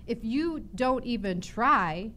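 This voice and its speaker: A woman's voice: fairly high pitch, lively intonation, slow pace, sharp tone, a little hiss or hum. A woman hosting a podcast interview, talking earnestly and thinking aloud with restarts and fillers. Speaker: podcast host. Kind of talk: conversational interview.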